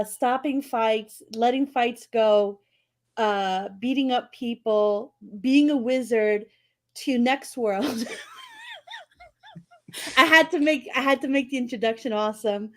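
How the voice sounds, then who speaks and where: High-voiced, slow-talking woman podcast host. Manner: laughs often, playful banter. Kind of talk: casual chat.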